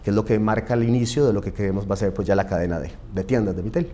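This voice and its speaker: A man's voice: lowish voice, fast. A man in his forties with a Costa Rican accent, telling his family business's history in a conversational interview, with frequent tag questions and fillers. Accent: Costa Rican Spanish. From Costa Rica. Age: 40s. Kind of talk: interview, storytelling.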